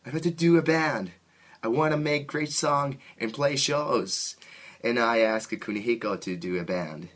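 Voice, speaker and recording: A band musician from Japan fields interview questions with a Japanese accent, his second-language phrasing plain and halting. He speaks at a medium pitch with a somewhat bright tone.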